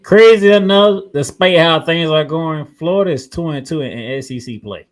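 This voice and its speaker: An American man co-hosting a college football preview show, announcing matchups in an animated way. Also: fairly high pitch, a little fast. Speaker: sports show co-host.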